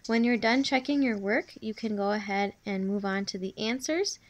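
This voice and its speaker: A woman teacher giving a spelling review, reading out each sound, word and sentence slowly and clearly and then repeating it. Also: mid-range voice, lo-fi sound. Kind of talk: spelling dictation lesson.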